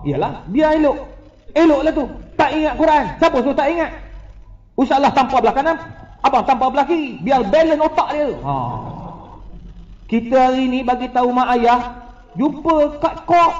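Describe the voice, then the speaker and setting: A man's voice: extremely high pitch, normal speed. A middle-aged man with a Malaysian Malay accent, a religious teacher on a forum panel, telling personal stories with humor and often addressing the audience directly. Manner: lively storyteller who keeps addressing the audience as "tuan-tuan"; humorous, laughing between points. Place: prayer hall. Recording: echoey, dull prayer-hall recording.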